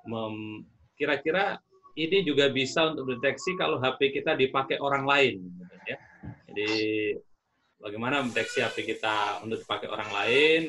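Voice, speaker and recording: A man moderates an online webinar over a video call, reading out audience questions to the speaker. His voice is bright and forceful, with a little faint noise behind it, and he hesitates with filler sounds. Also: medium pitch.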